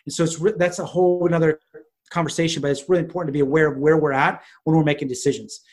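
A man's voice: fairly high pitch, steady tone, very fast, darkish tone. A man who works as a business consultant, telling stories casually in an interview with lots of fillers and restarts. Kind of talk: conversational storytelling interview.

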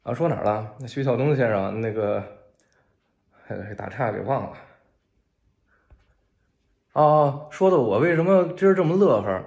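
A man with a Beijing accent talking casually to viewers in a video, cracking wry, deadpan jokes. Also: mid-range voice, normal speed, creaky, pauses often. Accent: Beijing Mandarin. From Beijing, China. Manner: wry, joking, deadpan gallows humor. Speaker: civilian in a war zone posting a video.

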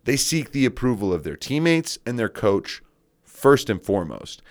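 A man's voice: mid-range voice, sing-song, moderate pace. A man coaching youth sports, giving an earnest, emphatic solo podcast rant with words repeated for stress.

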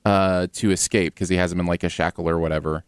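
A man's voice: low voice, fairly even intonation, fast talker, clear, resonant tone, dry recording, studio quality. A man hosting a podcast, talking casually in a film discussion. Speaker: podcast host.

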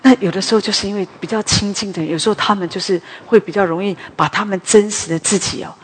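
A woman preaches in a chatty, animated storytelling way, drifting into side remarks as she goes. Her voice is slightly husky and sits in a middle range. The sound carries a long hall reverb. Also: mid-range voice, quick pace. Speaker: preacher at a women's morning prayer meeting. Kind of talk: conversational sermon with storytelling.

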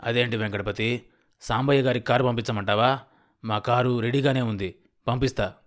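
A man voicing a nosy, suspicious old village man in his sixties or older, speaking in a drawling, rural way, lower and slower than his narration. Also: fairly even intonation, natural voice. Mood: prying. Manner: drawling rural speech, grieving and prying.

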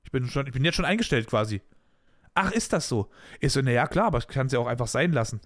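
A fast-talking podcast host with a mid-range voice relates a workplace dispute from his own working life. His casual, colloquial account is blunt and animated, punctuated by colloquial asides.

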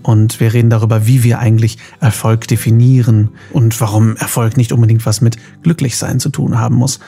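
A man in his mid-thirties hosting a podcast in a casual, conversational way, with a husky voice and a playful, self-deprecating manner. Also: mid-range voice, flat delivery, brisk, warm tone, faint music behind. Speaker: podcast host.

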